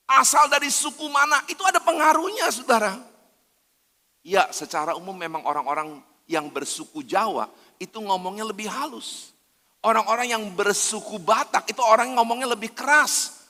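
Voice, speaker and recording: A man's voice: very high voice, sharp tone. A male pastor, preaching emphatically and constantly calling on his listeners as brothers and sisters. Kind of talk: sermon. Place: church hall. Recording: long church hall reverb.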